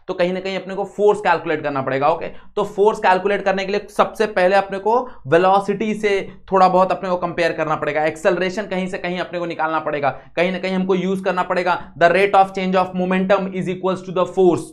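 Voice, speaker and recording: A young man with an Indian accent giving a physics lesson, going slowly step by step and often asking the class yes or no. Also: high voice. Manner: repeats steps, quizzes students often. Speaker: physics teacher. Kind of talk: classroom lecture.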